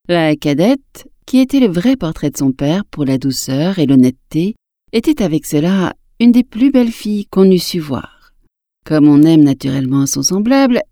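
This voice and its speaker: A woman narrating a classic fairy tale aloud with a clear, even storytelling delivery. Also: low voice, no echo, clean studio sound.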